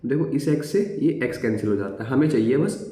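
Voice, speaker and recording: A male maths teacher talks through an exam-prep lesson in a relaxed, mellow voice. He counts digits aloud and keeps checking in with his students. The room around him sounds echoey. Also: medium pitch, a little fast.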